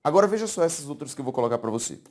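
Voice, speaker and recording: Grammar rules are the subject as this man, speaking with a Brazilian Portuguese accent, lectures a class in an animated, slightly high and a little mellow voice. He explains slowly, repeats key words, and checks understanding often.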